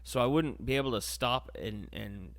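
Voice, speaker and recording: A man's voice: mid-range voice, normal speed. A young man hosting a podcast, ranting in a casual, sarcastic, rambling way. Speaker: podcast host. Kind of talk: casual comedic rant.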